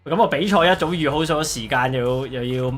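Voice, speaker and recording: A man's voice: medium pitch, brisk, fairly bright tone. Hong Kong man grumbling on stream. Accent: Hong Kong Cantonese. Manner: swears freely and laughs, grumbling. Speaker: watch party streamer. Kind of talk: casual livestream commentary. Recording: faint music behind.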